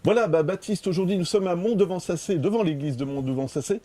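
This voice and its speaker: A man's voice: sits high, fast, dark tone. A man working as a local TV reporter, asking friendly, leading questions outdoors. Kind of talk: outdoor interview. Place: outdoors by a church.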